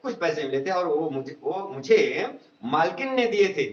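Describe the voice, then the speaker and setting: A man's voice: a little high, sing-song, normal speed, pitched above the performer's own voice. A male teacher voicing a timid young maid who speaks meekly in a trembling voice, recorded dull and echoey. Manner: trembling, meek. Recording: echoey room, dull lo-fi sound.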